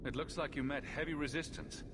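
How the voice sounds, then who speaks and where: An actor playing a wry, confident adventurer in a fantasy video game, with a direct way of talking. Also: male voice, on the high side, fairly quick, close to an everyday voice. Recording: clear background ambience noise.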